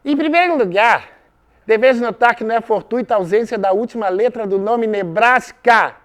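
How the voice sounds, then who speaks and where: A man's voice: sits high, moderate pace, fairly bright tone. A man on stage voicing a pompous male philologist with an irritating, buzzing, nasal voice, lecturing pedantically. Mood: pedantic. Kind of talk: theatrical monologue.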